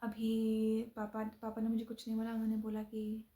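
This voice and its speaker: A young woman from Assam tells her own story with a slightly high, warm voice delivered completely flat at a moderate pace. The talk is conversational, full of fillers and restarts, with English expressions woven in.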